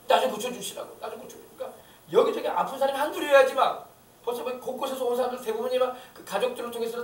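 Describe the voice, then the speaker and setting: A man's voice: very high-pitched, slight background noise. A male pastor preaching a sermon in a church, fervent and emphatic, with many rhetorical questions to the congregation. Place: church sanctuary. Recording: echoey church hall, mic at a distance.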